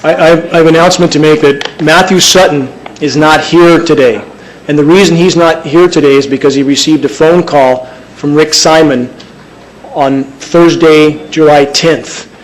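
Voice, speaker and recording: A man with a fairly high voice addresses a county hearing. He is insistent and emphatic. He stumbles and restarts phrases in his urgency. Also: fairly even intonation, normal speed, poor audio. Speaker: public speaker. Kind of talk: testimony at a public hearing. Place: crowded public meeting room.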